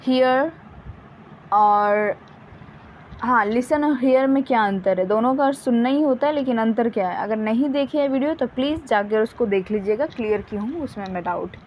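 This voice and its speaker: A woman's voice: high voice, normal speed, darkish tone, a little hiss or hum, low-quality recording. A woman with an Indian accent explaining English grammar, patiently reading example sentences aloud and correcting herself. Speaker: English teacher. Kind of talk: Hindi-language grammar lesson.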